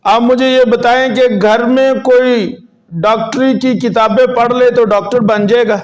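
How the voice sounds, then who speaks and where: A man's voice: very high voice, fairly even intonation. A man preaching a sermon as an Islamic preacher, stressing words emphatically and putting questions to the audience. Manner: questions the audience and urges them to answer.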